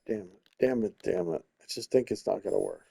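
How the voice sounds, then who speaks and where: A man with a low, mellow voice, a breathy edge and vocal fry talks briskly while hosting a gaming video. He combines casual commentary with reading the game's story text aloud as he plays.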